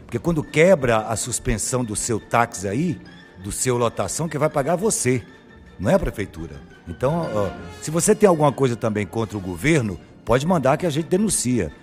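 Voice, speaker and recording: A man's voice: medium pitch, fairly quick, faint music behind. A man with a Northeastern Brazilian accent hosting a radio call-in show, talking with listeners in an affable, reassuring way. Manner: affable, reassuring, defends himself calmly. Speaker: radio host.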